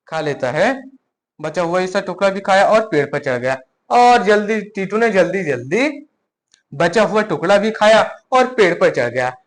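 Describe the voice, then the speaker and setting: A male teacher telling a fable in a math lesson for children, animated, often asking the listeners questions. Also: sits high.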